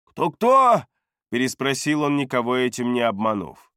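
A man narrating a first-person fantasy audiobook in a steady, measured manner. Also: mid-range voice, no echo, clean studio sound.

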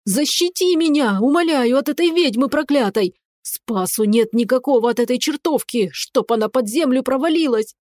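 A woman's voice: high voice, expressive, a little mellow, no echo. Woman doing a whiny hysterical male cat. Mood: pleading. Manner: wailing, pleading, drawn-out. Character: hysterical talking tomcat uncle, whiny.

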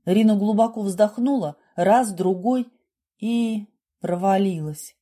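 A woman narrating an audiobook with a mellow, warm tone. Her reading is measured and even, telling the story steadily. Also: mid-range voice.

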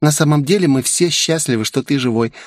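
A man's voice: fairly high pitch, fairly quick, no echo, clean studio sound, voice pushed up, natural voice. A man voicing a cunning, playful young girl in an audiobook. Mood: sly sweet. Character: sly, sweet young girl.

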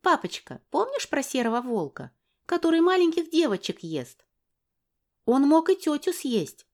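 A woman's voice: high-pitched, sing-song, normal speed, pitched above the performer's own voice. A woman voicing a frightened, tearful little girl who whines and sniffles in an audiobook reading. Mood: whiny. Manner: whiny, sniffling.

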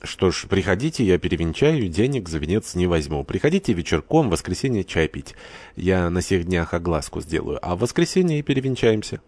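Brief: male reader doing an eager village priest, low and close, lively jumps upward. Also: a little fast, no echo, exaggerated voice. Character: talkative country priest, middle-aged man, eager.

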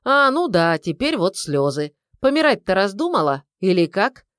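A woman's voice: medium pitch, very animated, normal speed, a bit bright, no echo, clean studio sound. A woman voicing a sarcastic, irritable middle-aged husband who grumbles.

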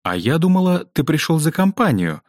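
A man's voice: fairly high pitch, very animated, normal speed, a little mellow, no room sound, pitched above the performer's own voice. A man voicing a strict, dry-witted woman teacher who questions two pupils in a clipped, stern manner, read out in a storybook.

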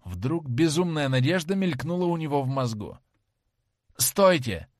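A man narrating a classic novel as an audiobook in a dramatic, expressive manner. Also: a little high, moderate pace, no echo, clean studio sound. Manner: dramatic, lively storytelling.

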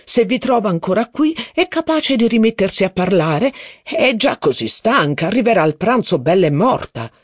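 A man reading aloud voices a blustering, impatient aristocratic duke who talks in loud exclamations. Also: high-pitched, sing-song, normal speed, breathy edge, no room sound, clean studio sound, voice pushed up, full character voice.

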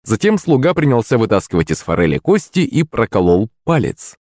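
A man narrating a comic story in an expressive, lively storytelling manner. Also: mid-range voice, brisk, no echo, studio quality. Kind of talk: audiobook narration.

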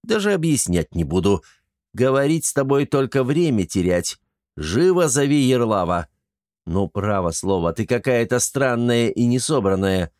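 A man reading an irritable young lord who barks orders at his slow-witted subordinates. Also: mid-range voice, sing-song, darkish tone, no echo, clean studio sound, natural voice. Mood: exasperated. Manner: brusque, exasperated, commanding.

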